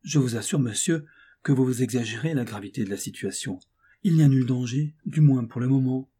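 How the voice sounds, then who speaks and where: An excitable aristocratic lady bursts out with indignant force in this audiobook, as a man puts her on. Her pitch climbs well above the narrator's own husky, dark voice, and she speaks loudly and urgently. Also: fairly quick, lightly acted. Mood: reassuring. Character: vehement, excitable aristocratic woman, a viscountess.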